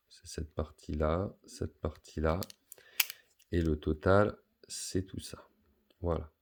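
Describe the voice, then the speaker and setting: A male teacher works through a subtraction problem for his pupils, pausing on fillers as he goes. His voice sits low and has a gravelly edge. His manner is patient and step-by-step. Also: warm tone. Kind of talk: math lesson for pupils, explaining on a board.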